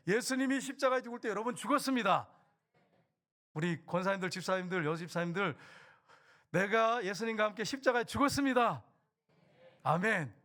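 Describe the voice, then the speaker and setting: A middle-aged man preaching a sermon as pastor in a church, swinging from raised declarations to hushed low asides. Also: expressive, a little fast, long pauses. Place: church sanctuary.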